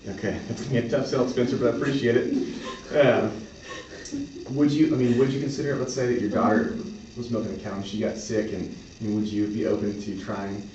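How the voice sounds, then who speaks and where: A man improvising a sales pitch as a representative, speaking in an earnest, accommodating and halting way. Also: fairly even intonation, darkish tone, dull audio. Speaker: clinic representative in an improvised role-play. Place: echoey room, mic at a distance. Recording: roomy, distant mic, faint noise.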